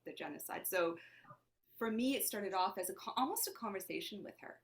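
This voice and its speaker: A Lebanese-born actor and playwright whose first language is Armenian speaks in a conversational interview with a mid-range, expressive voice at a brisk pace. She's thoughtful and searching, asking herself questions aloud.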